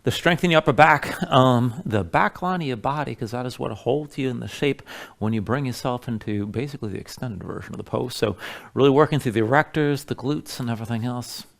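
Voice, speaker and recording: Gravelly-edged man teaching yoga. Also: medium pitch, a little fast. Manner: casual, informal explaining with step-by-step cues. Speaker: yoga instructor. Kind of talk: instructional yoga class cueing.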